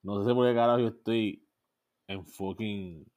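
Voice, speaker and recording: A man co-hosting a laid-back podcast, with a lowish voice. He tells stories in a loose, profane way and slips into English now and then. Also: fairly even intonation, unhurried, darkish tone. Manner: profane storytelling, mixing in English phrases. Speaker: podcast co-host. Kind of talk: casual chat.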